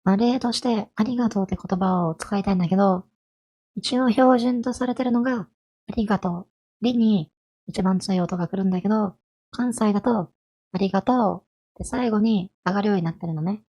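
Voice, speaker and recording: A young woman talks through a language lesson in a relaxed, chatty way, often asking her listeners questions. Her voice is mellow and warm, and the recording sounds a little dull. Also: medium pitch, brisk, slightly rough. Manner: chatty, friendly teacher tone with rhetorical questions. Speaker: language vtuber. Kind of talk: casual explainer lesson.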